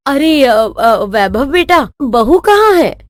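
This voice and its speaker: Woman doing a sharp-tongued scheming mother-in-law. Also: sits high, sing-song, takes it slowly, dry recording, studio quality, exaggerated voice. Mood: grumbling. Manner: grumbling, scolding, bossy. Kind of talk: animated storybook voice acting.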